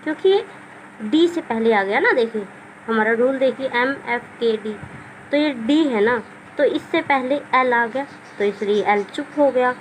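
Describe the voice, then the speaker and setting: A woman's voice: a little high, unhurried, slight background noise, rough recording. A woman explaining English spelling rules in a patient, repetitive teaching manner, asking questions and answering them herself. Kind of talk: classroom-style explanation.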